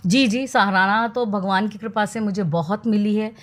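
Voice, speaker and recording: A woman's voice: medium pitch, steady tone, normal speed. A woman storyteller answering interview questions in an earnest, teacher-like way. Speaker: storyteller, guest.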